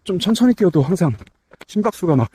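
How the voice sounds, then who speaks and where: A man's voice: high-pitched, animated, fast, mellow, slightly rough. A middle-aged man chats casually to his vlog while running outdoors, slightly out of breath. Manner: talking while running, effortful. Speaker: running vlogger. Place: outdoors on a waterside running path.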